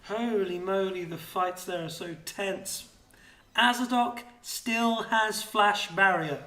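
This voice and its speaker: A man casting a live esports match, excitable and out of breath, shouting when fights break out. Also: high-pitched, slow, roomy sound. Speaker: esports play-by-play caster.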